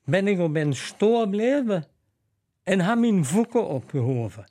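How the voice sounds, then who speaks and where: Man playing a bold young nun in a told story, sly and matter-of-fact, dark unhurried voice. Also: sits high, sing-song. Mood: wry. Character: young nun, bold and quick-witted, woman.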